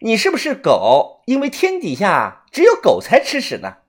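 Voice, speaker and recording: A brash, foul-mouthed young fighter, loud and scolding, hurling insults with full force. The voice is lively and swooping, a comic wuxia storybook brawler, voiced by a storyteller. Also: mid-range voice, rapid-fire, breathy edge.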